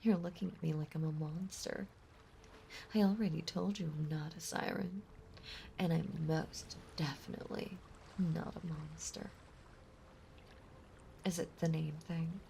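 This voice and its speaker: Playing a sweetly obsessive young mermaid, possessive and clingy in yandere style, a voice actress speaks softly and breathily in an intimate ASMR roleplay, lingering on her words and pausing often. Here she sounds indignant, her low, creaky voice unhurried with fairly even intonation. Ocean sound effects and water ambience sit under faint background noise.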